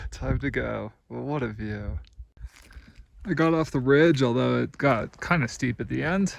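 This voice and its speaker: A man's voice: medium pitch, unhurried, gravelly. A man filming himself on a backpacking trip, chatting casually and thinking aloud with a self-deprecating chuckle, sometimes out of breath. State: out of breath at times. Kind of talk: casual trail vlog talking to camera. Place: outdoors on high mountain passes and boulder fields.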